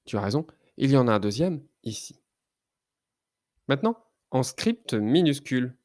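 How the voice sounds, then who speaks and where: A man teaching a child to read, sounding out letters and syllables slowly and carefully. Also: mid-range voice, lively intonation, darkish tone, dry recording, studio quality. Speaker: reading teacher. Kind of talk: children's phonics lesson.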